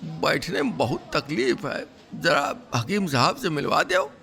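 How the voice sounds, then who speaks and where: A rustic male patient in pain, voiced by a man narrating a story, pleading in a high, countrified voice. His whine climbs well above a normal speaking pitch. Faint music plays in the background. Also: big pitch swings, a little slow, vocal fry, pushed and bright, exaggerated voice.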